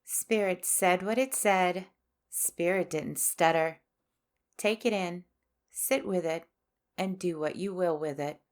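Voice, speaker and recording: A woman hosting a spiritual podcast, delivering a scripted monologue with sass and a preachy edge. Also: lowish voice. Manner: slow, sassy, preachy delivery. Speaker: podcast host. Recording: faint music underneath.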